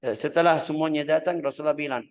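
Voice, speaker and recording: A man's voice: fairly high pitch, steady tone, quick pace, poor audio. A man from Yemen, teaching a religious lesson on the Prophet's life. He searches for words with many filler sounds and acts out calls and dialogue as he tells the story. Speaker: Islamic studies teacher.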